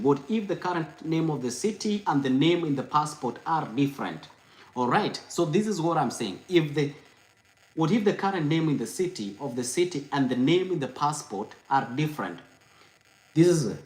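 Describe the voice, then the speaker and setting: A man's voice: a little high, darkish tone, roomy sound, poor audio. A man hosting a live stream, explaining steps and reading out viewers' comments, repeating himself to reassure them. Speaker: host answering viewers.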